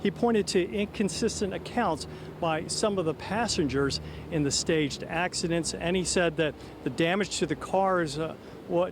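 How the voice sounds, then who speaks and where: Male TV news reporter, fairly high register, formal measured live delivery, recorded outdoors in the city. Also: background noise. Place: outdoors outside a city courthouse. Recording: live outdoors on an urban street.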